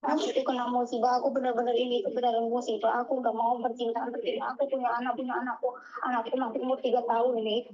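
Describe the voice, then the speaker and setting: High-voiced woman pleading over a muffled line. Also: flat delivery, a little mellow, a little hiss or hum. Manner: halting, pleading, many restarts. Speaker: caller, migrant domestic worker. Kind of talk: phone call recounting a scam.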